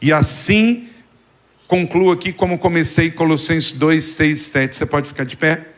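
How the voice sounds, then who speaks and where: A Brazilian pastor preaching and then praying with rising, fervent declarations, with stretches of speaking in tongues. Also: male voice, on the high side, steady tone, unhurried, fairly bright tone. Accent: Brazilian Portuguese. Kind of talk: sermon and fervent closing prayer. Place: church service.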